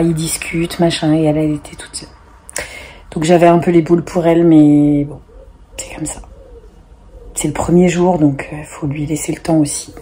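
A French woman in her forties, a family vlogger and single mother, chats casually to a close-range camera from her living room sofa. Stuffy-nosed from a cold, she rambles with many fillers in a low, mellow voice, with a little hiss or hum and a window open to a busy street.

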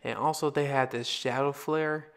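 A man's voice: medium pitch, fairly even intonation, normal speed, vocal fry, a bit bright. A man talking casually through a speaker unboxing, rambling, repeating himself and restarting phrases. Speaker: tech reviewer.

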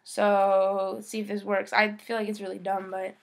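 A woman's voice: mid-range voice, monotone, normal speed, vocal fry. Teen girl vlogging at home, cusses a ton, chatty n frustrated. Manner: swears a lot, frustrated and chatty. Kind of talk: casual vlog.

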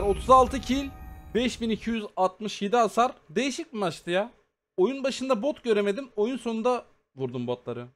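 A man hosting a gaming channel, giving excitable live commentary on a shooter match and chatting casually with his viewers. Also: high voice.

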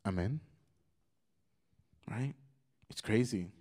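A man's voice: fairly low pitch, very slow, warm tone. A young adult man giving a youth sermon, switching between Spanish and English and telling stories with lots of animation. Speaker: youth pastor.

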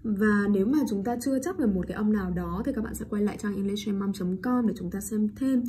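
A woman teacher giving a pronunciation lesson, drawing out and repeating each English word loudly before explaining it. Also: medium pitch, a little fast, a little hiss or hum.

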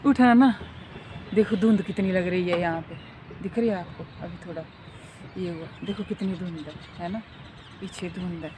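A middle-aged woman chatting casually as she walks through a park and films a vlog on her phone. She tells stories in an animated way and keeps asking her listeners to agree. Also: fairly low pitch, normal speed, long pauses, background noise. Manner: animated storyteller. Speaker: vlogger and mother. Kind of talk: casual walking vlog chat. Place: outdoor park on a foggy day.

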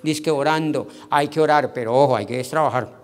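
A man giving an energetic motivational business talk, acting out little dialogues with loud bursts. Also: a little high, fairly quick. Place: large convention hall. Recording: long hall reverb.

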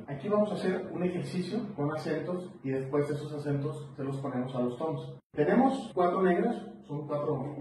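A man's voice: fairly high pitch, dark tone. A man teaching a drum lesson, explaining rhythm step by step and counting beats aloud. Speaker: percussion teacher. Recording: roomy, distant mic with faint noise.

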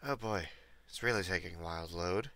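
Gravelly young man streaming with a cold. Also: deep voice, fairly quick, pushed and bright, no echo. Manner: rambling, chatting to viewers. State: recovering from a cold. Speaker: livestreamer. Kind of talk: casual gameplay commentary.

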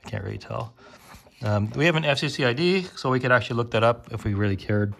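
Medium-pitched, quick and full of vocal fry, the host of a gadget teardown video offers rambling, wry, mildly profane hands-on commentary. Tools click close by in a noisy room.

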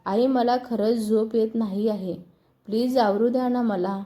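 A woman's voice: fairly high pitch, fairly even intonation, unhurried, mellow, faint music behind, lightly acted. A woman reading a storybook, voicing a sulky, stubborn young wife who gives curt, defensive replies.

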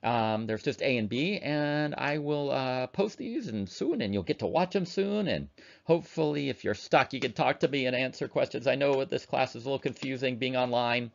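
A man's voice: medium pitch, lively intonation, normal speed, creaky. A man teaching an online chemistry lecture, talking casually as he works through problems on a calculator. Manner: casual, chatty, talks while working calculator problems. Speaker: chemistry instructor. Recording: dull lo-fi recording.

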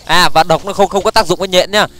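A young man giving excitable let's-play commentary, with quick stammered repeats and sudden exclamations while he plays. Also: high voice, a little hiss or hum. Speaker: gaming YouTuber.

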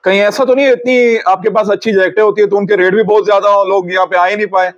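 A man interviewing a shop owner, asking quick, probing questions off camera. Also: sits high, fairly even intonation, no echo, dull audio.

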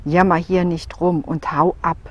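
A woman reading as a gruff, rude young wolf. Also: on the low side, fairly even intonation, measured pace, muffled recording. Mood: scornful. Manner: growling, blunt, scornful.

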